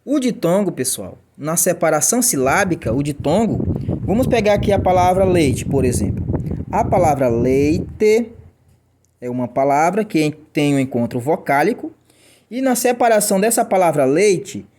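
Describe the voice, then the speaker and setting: Lively Brazilian male teacher. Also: on the high side, moderate pace, background noise. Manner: chatty, keeps checking in with "tá?"; voices imagined student questions. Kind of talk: classroom grammar lesson.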